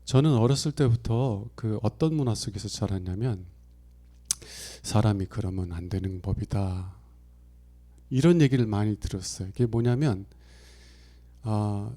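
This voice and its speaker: A middle-aged pastor from Province, preaching a sermon in a conversational, storytelling way and acting out quoted lines with big jumps in loudness. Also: male voice, fairly low pitch. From Chungcheong Province, Korea. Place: church sanctuary.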